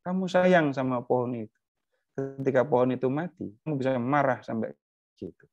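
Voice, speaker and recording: A man's voice: medium pitch, moderate pace, a little mellow, no room sound, faint music behind, pitched above the performer's own voice, lightly acted. A man voicing God, who reproaches a sulking prophet and grieves over a doomed city, in an earnest, raised voice. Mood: reproaching. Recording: dull, dry lo-fi recording.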